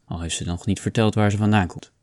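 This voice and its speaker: A man's voice: on the low side, fairly even intonation, fast, a little mellow, no room sound, studio quality, natural voice. A man doing a sneering red-haired slaver. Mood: smug. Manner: sneering, sly. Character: mocking red-haired slaver, sly and leering.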